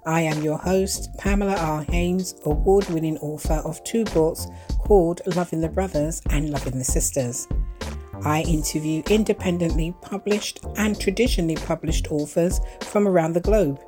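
Lowish-voiced woman hosting a podcast. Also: normal speed, over music. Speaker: podcast host.

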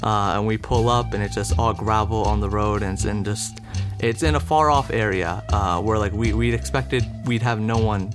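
A man's voice: fairly low pitch, fairly even intonation, normal speed, over music. A man in his twenties recounting a story in a casual interview, rambling with lots of "like" and "um". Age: 20s. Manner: rambling, frequent "like" and "um", laughs.

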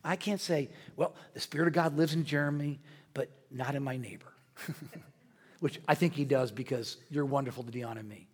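A man preaching a sermon as pastor, swinging between loud, riled-up delivery and hushed, quiet asides. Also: medium pitch, moderate pace, husky. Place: church sanctuary. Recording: long hall reverb.

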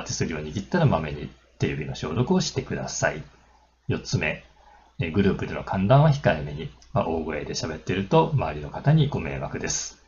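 A man's voice: deep voice, a little mellow, muffled recording, a little hiss or hum. A man hosting a travel talk, casually explaining railway trip tips with lots of fillers and friendly tag particles. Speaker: railway travel channel host.

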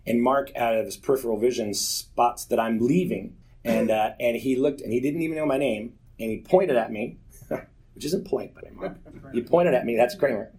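Speaking to a church group at a moderate pace in a warm, mid-pitched voice, a man in his forties shares a sincere, frank personal testimony, telling stories laced with self-deprecating humor.

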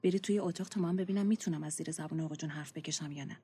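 A caring mom, husky voice, coaxing, affectionate, radio play. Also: female voice, deep voice, mellow. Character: caring adult mother, warm and soothing. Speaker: mother in family audio drama. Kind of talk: comic radio-play acting.

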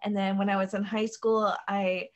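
A woman's voice: mid-range voice, level tone, normal speed, lo-fi sound. A young woman from the United States, a podcast guest talking casually about her faith, with plenty of "like" and "um". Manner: chatty, peppered with "like" and "um". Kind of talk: casual conversation.

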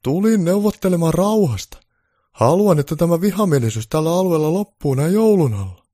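A man's voice: a little high, lively intonation, mellow, no room sound, clean studio sound, pitched above the performer's own voice. A man voicing a grumpy old Santa Claus with bellowing, blustery threats, in a comic storybook reading. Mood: bargaining.

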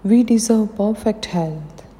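Slowly and mellowly, at medium pitch, an Indian-accented woman guides a meditation through brief, calming instructions. The recording has a long hall reverb and a faint noise floor.

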